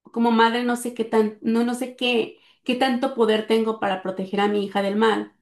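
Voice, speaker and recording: Middle-aged woman, higher register, earnest storyteller, echoey room. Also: little pitch movement, normal speed. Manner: earnest, speaks with frequent fillers. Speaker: guest sharing testimony. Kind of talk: personal storytelling.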